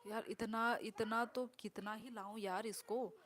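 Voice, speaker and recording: A woman's voice: on the high side, fairly even intonation, a little slow, a bit bright. A young woman chatting casually on a live stream, reading comments and repeating words as she works them out.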